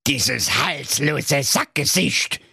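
A man voicing a crabby old female witch from a fairy tale, with a raspy, creaky, slow, drawn-out voice. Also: mid-range voice, expressive, sharp tone, no echo, clean studio sound, voice pushed up, heavily acted.

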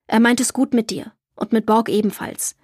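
A woman's voice: fairly high pitch, steady tone, moderate pace, darkish tone, slightly rough, no echo, studio quality. A woman voicing a jovial old grandfather. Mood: kindly.

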